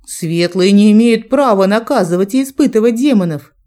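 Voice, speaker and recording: A woman's voice: medium pitch, lively intonation, moderate pace, mellow, close to an everyday voice. A woman voicing a defiant young male demon who speaks in a growling, angry manner in an audiobook.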